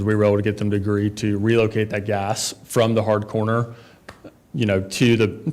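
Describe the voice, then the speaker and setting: A man's voice: lowish voice, a little mellow. A man presenting as a developer at a town council meeting, talking casually with many fillers and restarts.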